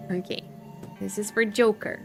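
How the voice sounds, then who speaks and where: A woman's voice: medium pitch, vocal fry. A woman live streamer doing tarot readings, chatting casually and giggling as she greets her viewers. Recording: background music under the voice.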